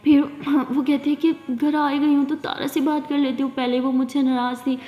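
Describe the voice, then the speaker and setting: A woman's voice: high voice, level tone, normal speed, warm tone. A woman narrating a love story in a chatty, conversational way. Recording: echoey room with long reverb.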